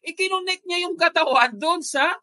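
A woman hosting a live video call, commenting on a clip in an animated way and firing off rhetorical questions. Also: very high voice, moderate pace, no echo, studio quality. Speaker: host of a religious apologetics stream.

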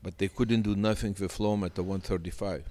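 A deep, darkish voice with fairly even intonation comes from a boxing manager whose first language is Russian, speaking briskly. Interviewed on an indoor sofa set with a handheld mic, he's earnest and emphatic, repeating phrases.

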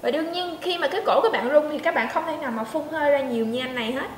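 High-voiced woman teaching pronunciation, echoey. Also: slight background noise. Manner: demonstrates sounds slowly, asks learners to check in. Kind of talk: pronunciation lesson. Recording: echoey room with faint ambience.

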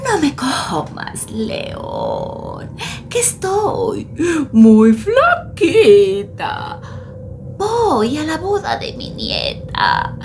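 A woman voicing a frail, timid little old grandmother who pleads in a squeaky, high voice in a read-aloud storybook. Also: slight background noise, exaggerated voice.

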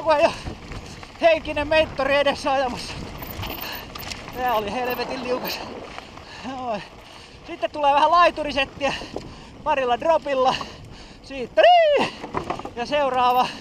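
A high-voiced man talks his way down a bike trail in casual running commentary, full of breathless exclamations and self-mocking asides. Loud wind noise roars over the camera mic outdoors. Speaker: mountain biker filming his ride.

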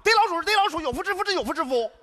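A man's voice: high voice, huge pitch swings, fast talker. An actor playing an exasperated neighborhood man in a stage comedy sketch, with a Northeastern Mandarin accent, stammering and repeating himself. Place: TV stage before a live audience. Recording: live stage with loud audience and noise.

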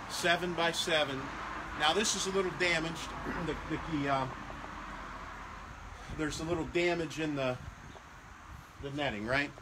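Chatty salesman over background noise. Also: on the high side. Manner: chatty, repeats prices, restarts phrases; walking around showing products. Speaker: salesman for a game rental company. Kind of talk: casual sales walkthrough.

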